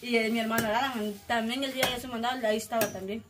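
A woman rushes through her own account in a high voice, breaking off and restarting mid-sentence. The recording carries steady background noise. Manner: rambling, breathless storytelling with broken restarts. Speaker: woman telling of being beaten. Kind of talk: emotional first-person account.

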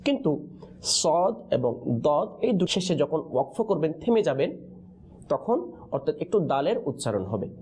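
Man, Quran teacher, call-and-response lesson, animated pitch, warm mellow tone. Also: normal speed, husky. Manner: call-and-response teaching, prompting answers with questions. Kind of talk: classroom lesson in letter pronunciation.

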